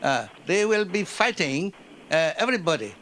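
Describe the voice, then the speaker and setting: Halting man making a statement. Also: high-pitched, big pitch swings, a bit bright, slight background noise, low-quality recording. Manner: halting, repetitive, with frequent fillers. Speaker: audience member giving a statement. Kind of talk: impassioned public comment. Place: conference room.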